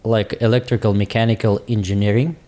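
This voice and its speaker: A man in his forties with a Russian accent, speaking in halting, searching English as an interview guest. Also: on the low side, steady tone, dark tone. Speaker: guest, business owner. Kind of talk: casual interview talk.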